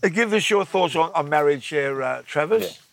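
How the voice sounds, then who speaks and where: A jovial middle-aged man hosts a relaxed group chat. He teases his guests as he talks, and a faint hiss sits under his voice. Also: fairly high pitch, normal speed, vocal fry. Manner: jovial, teasing. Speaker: host. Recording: faint background noise.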